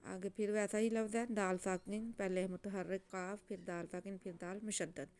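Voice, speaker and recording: A woman teaching Quran reading, chanting letters and syllables slowly, then explaining the rules in quick soft asides. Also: mid-range voice, level tone, smooth.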